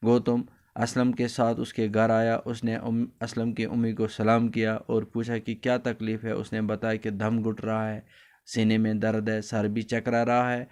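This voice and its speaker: A man's voice: lowish voice, completely flat delivery, darkish tone, smooth. A man teaching a children's reading lesson, explaining word meanings and repeating lines for his pupils. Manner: explains word meanings, switches briefly into Kashmiri.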